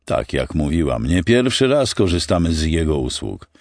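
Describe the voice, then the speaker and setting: A composed woman advisor, as a male narrator voices her, explaining things in an assured way. The voice stays very low and lively in its pitch. The recording is dry. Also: normal speed, no echo, heavily acted. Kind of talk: audiobook character voice.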